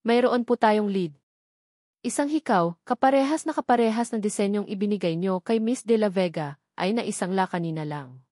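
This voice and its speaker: A woman's voice: mid-range voice, moderate pace, a little mellow, no echo, clean studio sound, close to an everyday voice. A woman narrator voicing a polite, businesslike male investigator reporting to his boss. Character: deferential male private investigator.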